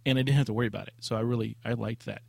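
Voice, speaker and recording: A man's voice: mid-range voice, fairly even intonation, very fast, gravelly, darkish tone, dry recording. A man chatting casually and informally as a co-host of a gaming show. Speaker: podcast co-host. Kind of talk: casual chat.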